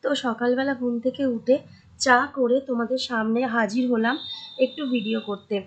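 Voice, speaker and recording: A young woman narrates her day in a chatty vlog voice-over, speaking straight to her viewers. Her voice is hoarse and sits a little high. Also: little pitch movement, moderate pace, lo-fi sound. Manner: chatty, addresses viewers directly. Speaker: vlogger.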